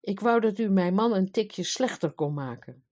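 A woman's voice: mid-range voice, expressive, moderate pace, a little mellow, pitched above the performer's own voice, natural voice. A woman voicing a hot-tempered storybook queen. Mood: urgent. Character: impatient fiery queen, woman.

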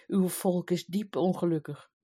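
A woman's voice: fairly low pitch, unhurried, warm tone, breathy edge. A woman voicing a nervous, trembling storybook prime minister. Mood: panicked.

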